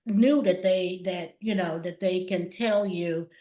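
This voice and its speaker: A woman hosting an interview who is herself a claims adjuster, talking in lively, agreeing bursts. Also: lowish voice, takes it slowly. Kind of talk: interview conversation. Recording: echoey room.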